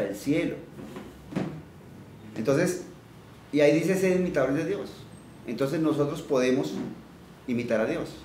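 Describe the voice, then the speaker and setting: A preacher with a slightly mellow, higher-pitched male voice gives a teaching sermon. He reads scripture aloud and then explains it plainly, quizzing listeners and leading them in call-and-response repetition. He sounds distant in a roomy, echoing space with faint background noise.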